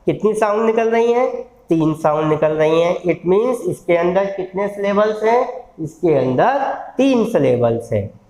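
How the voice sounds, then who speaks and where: Male lecturer, slightly high voice, unhurried and encouraging, stretches sounds out. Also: animated, darkish tone. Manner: slow, drawn-out sounding of syllables, encouraging. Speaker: law college lecturer. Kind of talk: recorded lecture. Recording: echoey room.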